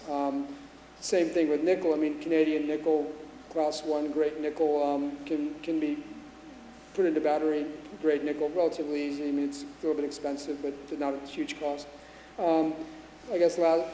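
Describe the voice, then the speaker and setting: A man speaking on a conference panel in a fairly high, flat voice, piling up facts and figures with plenty of ums and restarts. His tone is dark and mellow, and the sound carries the long, roomy reverb of a large hall with faint ambience underneath. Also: slight background noise. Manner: dense, fact-heavy delivery with frequent fillers and restarts. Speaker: panelist, commodities consultant. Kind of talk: panel presentation.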